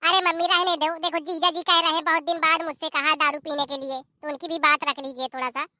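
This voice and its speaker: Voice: high-pitched, level tone, fairly quick, bright, forceful tone, no echo, studio quality. A performer voicing a cheeky, complaining young brother-in-law.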